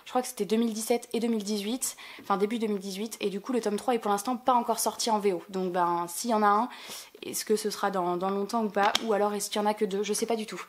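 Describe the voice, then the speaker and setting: A woman's voice: medium pitch, fairly even intonation, fast talker, a little hiss or hum. A woman with a French accent chatting casually on her book vlog, full of fillers and restarts. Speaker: book vlogger. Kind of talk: casual book haul chat.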